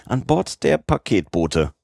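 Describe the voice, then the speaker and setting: A man's voice: mid-range voice, big pitch swings, slow, vocal fry, a little mellow, no echo, studio quality, pitched above the performer's own voice, full character voice. A man voicing a determined male police agent in a read-aloud storybook, speaking firmly. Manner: firm, persuasive.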